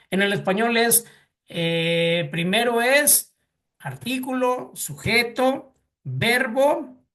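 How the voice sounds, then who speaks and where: A man's voice: sits high, a bit bright. A man with a Mexican Spanish accent teaching a class, hesitant, with many fillers and repeated words, asking the students questions. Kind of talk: classroom lecture.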